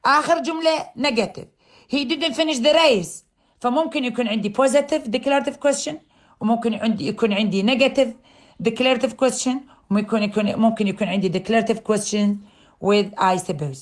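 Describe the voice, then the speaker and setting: A middle-aged woman with an Iraqi Arabic accent lecturing on grammar. She says English terms and example sentences slowly with a rising tone and explains in fast colloquial Arabic. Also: on the high side. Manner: switches between slow careful English and fast colloquial Arabic.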